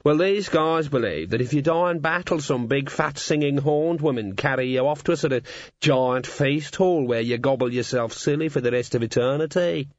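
A man's voice: medium pitch, moderate pace, no echo, close to an everyday voice. A man voicing a greedy, sardonic male raven with a gossipy, offhand manner. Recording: dull lo-fi recording.

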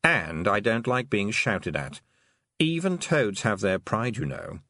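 A man voicing a dry, unhurried male talking toad that speaks slowly and deadpan. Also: on the low side, dry recording, full character voice.

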